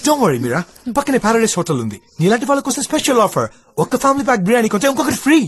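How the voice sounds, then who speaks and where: A man's voice: very high voice, huge pitch swings, racing, husky, heavily acted. An actor dubbing a brash young man who mocks his date rudely and mixes English into his Telugu. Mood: mocking.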